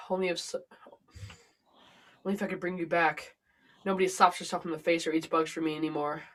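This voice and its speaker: A woman's voice: on the low side, fairly even intonation, brisk, a bit bright. A woman playing a melodramatic, doting and rash king in a broad stage comedy. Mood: doting, eager. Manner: exclamatory, theatrical.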